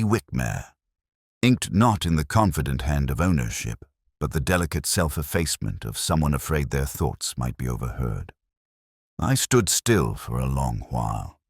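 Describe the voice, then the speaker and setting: A man playing a middle-aged, greying, sharp-witted police inspector, narrating a detective audio drama in a measured, literary, melancholy manner. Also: a bass voice, slightly rough, no echo, clean studio sound, heavily acted.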